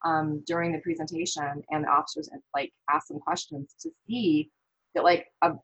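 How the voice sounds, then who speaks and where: A woman's voice: sits low, moderate pace, slightly rough, rough recording. A woman from the American Midwest, a podcast guest, talking casually and telling stories with quoted thoughts. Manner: animated storytelling with quoted thoughts. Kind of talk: casual conversation.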